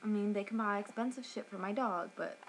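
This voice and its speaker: A woman's voice: medium pitch, fairly quick, slight background noise. A young woman reviewing a product in an upset, sarcastic rant, swearing as she tells what happened, at home.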